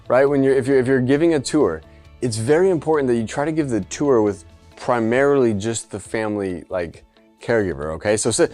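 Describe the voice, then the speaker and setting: A man's voice: mid-range voice, a little mellow. A man giving casual, conversational business advice to camera as a coach, emphatic, with jokey asides. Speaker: adult day care business coach.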